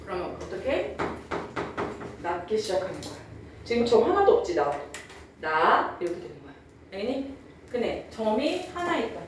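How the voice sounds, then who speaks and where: A woman's voice: mid-range voice, very animated, fairly quick, pauses often, distant mic, noisy background. Chatty woman teacher in an echoey room. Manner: chatty, checks in with students often; drawls out words when demonstrating old pronunciation. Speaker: Korean language teacher. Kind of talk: classroom lecture. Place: classroom.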